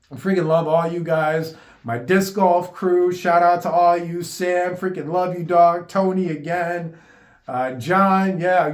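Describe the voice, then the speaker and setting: A man talking in a casual, unscripted self-help monologue, earnest and rambling, with lots of fillers and restarts. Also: on the high side. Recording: echoey room.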